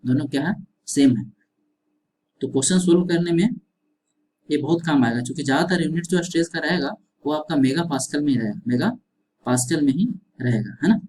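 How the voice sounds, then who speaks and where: A man lecturing on engineering, with a voice a little higher than most. He asks the class a question, then answers it and says it again, and he checks in often with "है ना". He, and there is a faint hiss behind him. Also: brisk, darkish tone, rough recording. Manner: repeats questions and answers, frequent tag "है ना". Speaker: engineering teacher.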